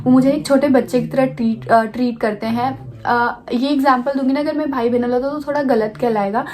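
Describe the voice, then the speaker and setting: A woman's voice: sits high, steady tone, brisk, a little mellow. A young woman vlogger telling a personal story in a casual, rambling way, restarting sentences and mixing in English words. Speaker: lifestyle vlogger.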